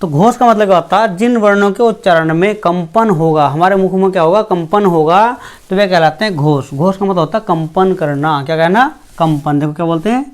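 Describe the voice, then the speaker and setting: Teaching grammar, this instructor questions the class and responds to those questions, restates each point, and carefully sounds out letters one at a time. Their voice is in the middle range, and they pad the talk with "theek hai" while repeating things.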